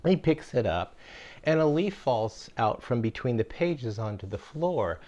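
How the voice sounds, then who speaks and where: An older man telling stories in a relaxed, folksy way, pausing on "uh" and "um" as he goes. His voice sits at an ordinary middle pitch. He sounds like a grandfather spinning old jokes for the camera. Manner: folksy and rambling, with many fillers. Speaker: homestead channel host, former caregiver. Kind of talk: casual storytelling.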